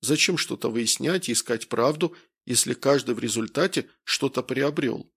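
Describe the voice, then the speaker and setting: A man voicing a weary, thoughtful man who speaks slowly and quietly, in an audiobook. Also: medium pitch, gravelly, breathy edge. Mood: subdued. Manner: slow, subdued.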